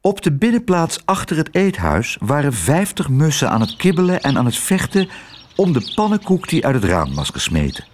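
Man reading a storybook with lively lilt. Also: a little high, normal speed, slight background noise. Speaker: narrator.

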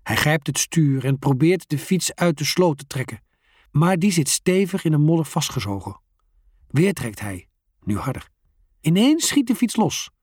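A storyteller reading a children's story aloud, slowly and expressively. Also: medium pitch, breathy edge, dry recording, studio quality. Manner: slow, expressive.

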